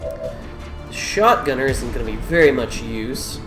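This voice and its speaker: A man's voice: mid-range voice, huge pitch swings, unhurried. A man doing casual gameplay commentary, muttering and thinking aloud as he plays. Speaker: gamer playing and commenting. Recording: roomy echo, game music behind. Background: video game music.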